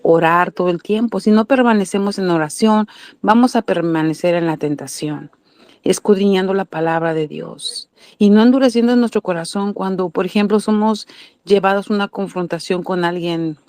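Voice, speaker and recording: A woman's voice: medium pitch, moderate pace, darkish tone, no echo. A woman with a Mexican Spanish accent giving a sermon-style Bible lesson, earnest, asking questions and answering them herself. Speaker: Bible teacher.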